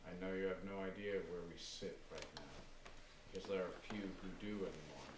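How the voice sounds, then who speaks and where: A man playing a calm, grandiose cult leader who speaks softly and with chilling composure. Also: sits low, moderate pace, close to an everyday voice. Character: calm, menacing middle-aged male cult leader. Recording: roomy and distant with faint noise.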